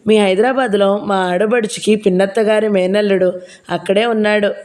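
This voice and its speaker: A woman's voice: mid-range voice, steady tone, moderate pace, a little mellow, natural voice. A woman voicing a nosy, chatty older village woman who pries and scolds, in an audiobook reading. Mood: prying. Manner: prying, scolding, gossipy.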